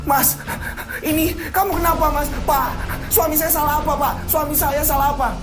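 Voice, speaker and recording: A man's voice: high-pitched, animated, fast talker. A man voicing a loyal, anxious young wife who pleads in a raised, tense voice. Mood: distraught. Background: background music.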